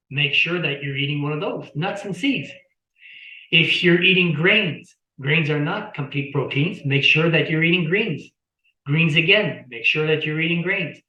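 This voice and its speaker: Man, higher voice, rambling interview guest telling stories over a dull video call. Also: bright, forceful tone, reverberant. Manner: rambling, repeats words, tells anecdotes. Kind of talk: casual explanatory talk.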